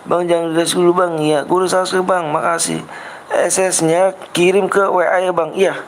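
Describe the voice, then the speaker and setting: Fairly high-voiced casual streamer man. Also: little pitch movement, moderate pace, a little hiss or hum, rough recording. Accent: Jakarta Betawi slang. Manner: patient, reads chat, repeats himself coaxingly. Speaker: game livestream host. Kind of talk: casual livestream chat.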